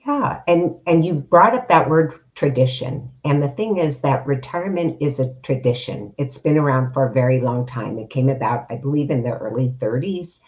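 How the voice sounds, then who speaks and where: A woman's voice: extremely low pitch, moderate pace, few pauses. Earnest woman coach on a dull line. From United States. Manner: earnest, steady, uses fillers. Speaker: retirement coach, guest. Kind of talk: interview answers. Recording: slightly dull, lo-fi.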